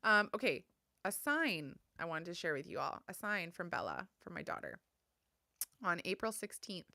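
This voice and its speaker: A woman, hosting a solo podcast and sharing memories in a soft, heartfelt way, close to the mic. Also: fairly low pitch, wildly swooping pitch, normal speed, dry recording. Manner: soft, heartfelt, tender storytelling. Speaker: podcast host.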